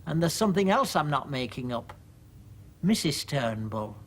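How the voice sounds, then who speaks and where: A man's voice: fairly high pitch, sing-song, moderate pace, a little hiss or hum. A middle-aged man, delivering a dry, prim dramatic monologue. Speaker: monologue narrator.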